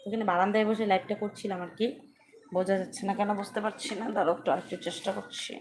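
A woman hosts a casual live stream from her veranda at night, talking softly into her phone with no external mic. Her voice stays even and flat in melody, with audible background noise around her. She keeps up a chatty, pleading tone as she asks viewers for support. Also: medium pitch, very fast. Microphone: phone without external mic.

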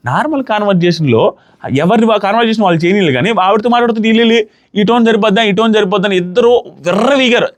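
Fast high-voiced man giving commentary. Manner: animated, argumentative, acts out quotes. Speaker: reality show commentator. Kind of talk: casual opinion commentary.

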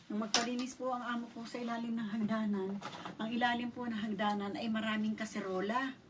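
A woman's voice: fairly high pitch, little pitch movement, a little fast. Middle-aged Filipino woman telling a story. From Philippines. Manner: polite, retells events with quoted dialogue. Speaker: vlogger. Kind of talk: personal storytelling vlog. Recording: distant mic with faint noise.

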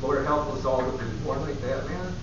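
A man's voice: medium pitch, moderate pace. A pastor preaches in a loose, conversational way, stopping and restarting his sentences and poking fun at himself. His voice rings around a large church and reaches a distant mic. The sound is dull and carries a layer of background noise. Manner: conversational, self-deprecating, many restarts. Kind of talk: sermon. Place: church sanctuary. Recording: echoey, dull, distant, noisy room recording.

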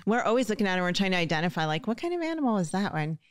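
A woman's voice: mid-range voice, sing-song, rapid-fire, smooth. A woman in her forties hosting a podcast interview from a home office, chatty and friendly, close to a studio mic. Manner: friendly, chatty, agreeing often. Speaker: podcast host. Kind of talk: casual interview chat. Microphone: studio mic on arm, close.

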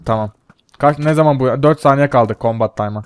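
A young man commentating a team game with a friend, excitable, laughing and swearing often. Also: mid-range voice, a little fast, clear, resonant tone, dry recording. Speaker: gaming channel host. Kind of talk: casual gameplay commentary.

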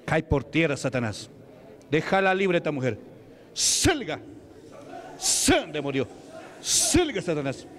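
A man from Peru preaching as a deacon, commanding and rebuking at a deliverance service in a church. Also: high-pitched. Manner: commanding, repetitive shouted rebukes. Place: church sanctuary. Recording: echoey church hall.

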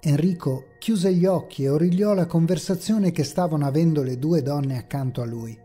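A man narrating a horror story in a measured, ominous way. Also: a little high, slightly rough. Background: faint dark ambient music.

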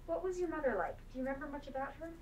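A young woman acting a gentle, patient adult who asks careful questions. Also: high-pitched, very fast, heavy background noise, natural voice. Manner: soft, questioning. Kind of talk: stage play acting. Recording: quiet, distant stage mic.

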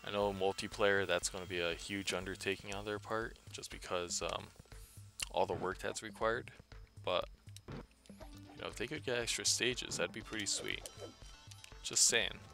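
Tired, gravelly-voiced man rambling over gameplay. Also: fairly low pitch, unhurried, over music. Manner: tired, monotone, rambling with many fillers. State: tired after a day's work. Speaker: gameplay commentator. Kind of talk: casual gameplay commentary.

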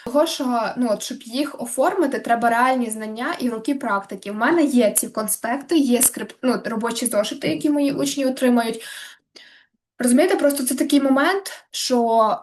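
A woman's voice: fairly high pitch, normal speed. A young woman tutor giving a chatty, casual lesson to camera, full of filler words and restarts.

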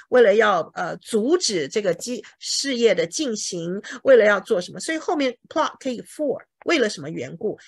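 Animated woman teacher drilling pronunciation. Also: mid-range voice, slightly rough, no room sound, clean studio sound. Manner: drills pronunciation by slowly repeating words; explains patiently with homely comparisons. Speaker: English teacher. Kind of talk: language lesson.

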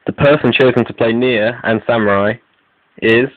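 A video creator hosts an online update, reading announcements in a scripted style. His mid-range voice holds a steady tone at a moderate pace. The sound is phone-like, narrow and lo-fi, with no room sound.

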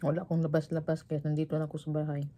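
A woman's voice: low voice, flat delivery, fast, noisy background. A woman with a Filipino accent chatting casually at home during a mukbang vlog, talking with her mouth full and repeating words as she goes. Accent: Filipino (Cebuano-Tagalog mix). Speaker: mukbang vlogger. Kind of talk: casual eating vlog chat. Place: at home, kitchen table. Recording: clatter of cutlery and dishes.

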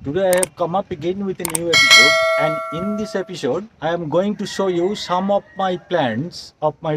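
A man in his sixties with a Bengali accent earnestly hosts a casual gardening vlog tour of his rooftop garden, addressing viewers as "dear friends." His voice is a little high, and the audio is poor with slight background noise.

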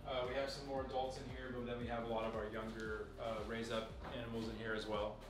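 Young male keeper giving a relaxed walkthrough, mid pitch, roomy echo, distant mic, music underneath. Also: fast. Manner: knowledgeable, relaxed, with frequent fillers. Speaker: facility owner giving a tour. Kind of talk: casual walkthrough explaining snakes. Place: indoor reptile room with glass enclosures. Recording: echoey room, off-mic, music behind.

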